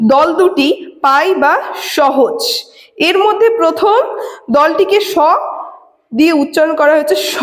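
A woman teacher explaining a lesson to her students, checking in often and asking questions she then answers herself. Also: high voice. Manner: repeats "ঠিক আছে" and asks rhetorical questions. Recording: echoey room with long reverb.

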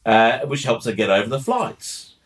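Animated man telling a story. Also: mid-range voice, normal speed. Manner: animated, laughing, full of restarts. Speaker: podcast co-host. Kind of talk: casual anecdote-telling.

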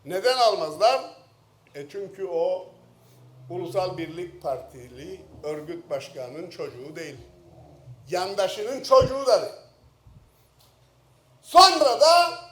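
Standing at the lectern microphone in a parliament chamber full of roomy echo, a middle-aged Northern Cypriot lawmaker speaks heatedly in a Turkish Cypriot accent. His speech lurches between low jabs and shouted outbursts.

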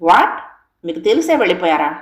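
A woman's voice: on the low side, big pitch swings, a little fast. A woman voicing a curious male ticket inspector on a train who asks eager questions, in an echoey room.

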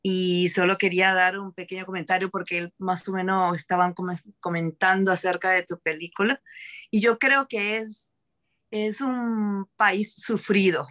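A woman from Argentina making a comment on a video call, rushing some phrases and slowing for emphasis. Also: medium pitch, little pitch movement, fairly bright tone. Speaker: audience member.

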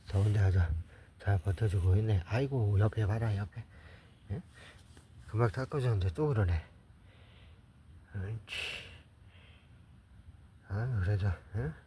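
A man's voice: fairly low pitch, slight background noise. Doting man cooing to his pets. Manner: doting, coaxing, repeats soft praise. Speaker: pet owner.

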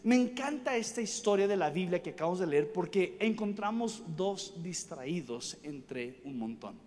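A high-pitched young man delivers an animated, rambling sermon from a conference stage. His voice rings through a hall with a long reverb and faint ambience behind it. He jumps between stories, cracks jokes and acts out the voices of the people in them. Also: moderate pace, slight background noise. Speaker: preacher. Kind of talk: storytelling sermon.

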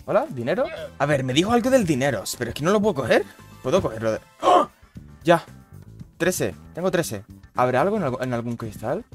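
A young man, giving casual, swear-heavy commentary over his gameplay with loud, baffled outbursts. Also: mid-range voice. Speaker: gaming youtuber.

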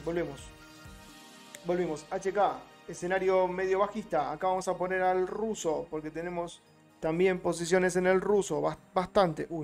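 A slightly high, gravelly male voice with a Rioplatense Spanish accent. He talks casually to his live chat, greeting viewers by name while he comments. Faint music plays underneath. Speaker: trading streamer.

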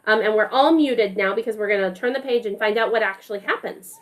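Speaking quickly in a mid-range voice, a female teacher reads a storybook to young children. She stops to pose questions to the group and encourages them the way a teacher would.

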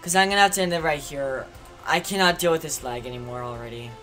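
A gaming channel host giving excitable live gameplay commentary, quick to get frustrated. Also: medium pitch, soft background music.

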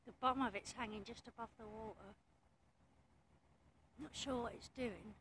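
A woman's voice: fairly high pitch, moderate pace, a bit bright, poor audio. A woman chatting casually to her phone camera while walking around a harbour quayside, exclaiming and mildly swearing. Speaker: vlogger. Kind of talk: casual handheld narration. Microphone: phone camera held in hand. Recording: outdoor noise on phone mic.

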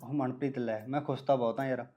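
An actor with a Punjabi accent playing a fond young farmer who has just married. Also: male voice, medium pitch, fairly even intonation, rapid-fire, dull audio, lightly acted. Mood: wistful. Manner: fond, calls her "yaar". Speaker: newlywed husband. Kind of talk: village family drama acting. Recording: background music.

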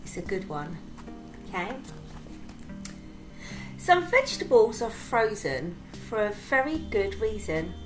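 Expressive woman reading a picture book. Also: medium pitch, takes it slowly, pauses often, faint music behind, rough recording. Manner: expressive, dramatic storytelling. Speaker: children's story reader. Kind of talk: children's picture book read-aloud.

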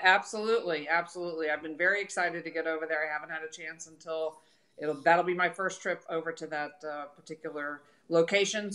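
A woman in a casual chat, agreeing warmly and adding her own points about the events. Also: sits low. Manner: agreeable, chimes in with affirmations.

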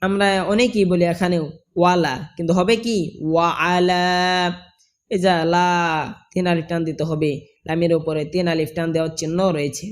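A man with a Bangladeshi Bengali accent teaching correct recitation, explaining each sound and then chanting the phrase slowly and drawn out. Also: a little high, flat delivery, darkish tone.

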